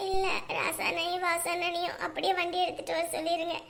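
Tearful young wife, played by an actress. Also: female voice, very high-pitched, little pitch movement, fairly quick, gravelly, a bit bright, exaggerated voice. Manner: emotional, tearful. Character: tender young wife parting from her soldier husband. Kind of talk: family drama acting.

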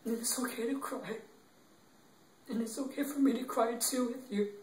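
An actor playing a young man who gently consoles his grieving girlfriend, speaking in a halting, tearful, repetitive way. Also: very high-pitched, fairly even intonation, a little hiss or hum. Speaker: actor in an improv demo reel. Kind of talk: improvised dramatic monologue. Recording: roomy, distant from the mic.

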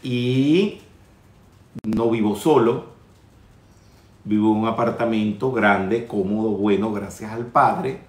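A man's voice: lowish voice, takes it slowly, long pauses, darkish tone, roomy sound. A man teaching a spiritual lecture in a trained, projected voice, scolding and teasing his listeners with humorous asides. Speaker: metaphysics teacher.

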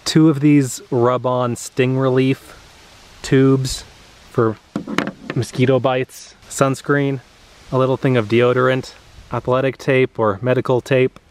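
A man in his thirties speaks in an ordinary mid-range voice, laid-back and conversational. He walks through his gear with plenty of "uh" fillers, sounding unhurried. He is recorded outdoors in an open grassy spot near trees. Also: medium pitch. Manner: relaxed, chatty, lots of uh fillers. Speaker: vlogger. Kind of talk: casual show-and-tell.

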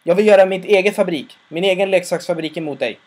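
A man's voice: high-pitched, lively intonation, a little mellow, husky, pitched above the performer's own voice. A man voicing a defiant young son who stands up firmly to his father. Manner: firm, defiant declarations.

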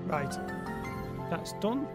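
High-voiced man doing casual game commentary. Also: big pitch swings, drawn-out words. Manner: wry, offhand asides. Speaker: let's play host. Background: game music.

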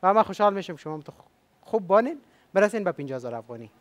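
A man's voice: high voice, very animated. A man with an Afghan Dari accent hosting a game show, upbeat and chatty, coaxing the contestants with questions.

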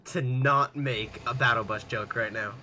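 Bright-voiced, teasing gamer guy. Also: medium pitch, a little slow, a little hiss or hum. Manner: laid-back, teasing, says "bro" often. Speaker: let's play gamer. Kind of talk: casual gaming chat.

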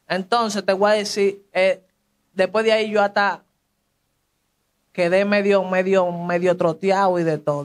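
A young man with a Dominican accent talks through his past in casual street slang. His voice sits high, and he jumps into the voices of people in the story as he tells it. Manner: animated street slang, acts out quoted voices. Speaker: interviewee telling his life story. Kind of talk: casual testimony.

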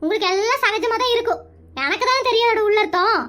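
A woman's voice: extremely high pitch, bright, forceful tone. A woman playing a suspicious, nagging wife in a comedy skit. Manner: nagging, suspicious, quick-witted.

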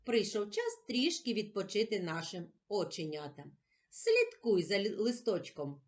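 A woman teacher giving a slow lesson to young children, sounding out letters and syllables clearly. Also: mid-range voice, wildly swooping pitch.

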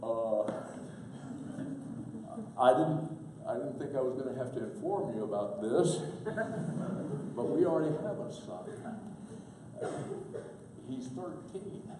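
A man's voice: medium pitch, animated, slow, pauses often, dark tone, slight background noise, voice pushed down. A man doing a sheepish old man. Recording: echoey hall from far off.

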